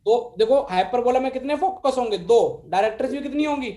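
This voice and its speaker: A man's voice: very high-pitched, mellow. A man teaching maths in a live class, mixing Hindi and English with an Indian accent, dictating notes and quizzing his students. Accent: Indian English mixed with Hindi. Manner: dictates slowly, quizzes students, calls them beta. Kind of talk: live online class lecture.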